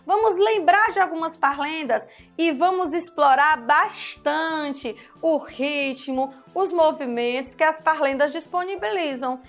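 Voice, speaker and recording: High-voiced woman teacher, sing-song. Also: soft background music. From Brazil. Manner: slow, sing-song, exaggerated question intonation; speaks of herself in the third person as "[name]". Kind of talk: remote lesson for young children.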